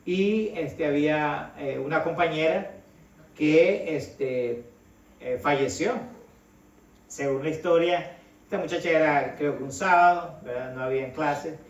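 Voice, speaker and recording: A man's voice: a little high, a little slow, dull audio. A middle-aged man from El Salvador, preaching a sermon in a conversational way and often calling his listeners brother. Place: church hall. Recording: echoey hall, voice from a distance.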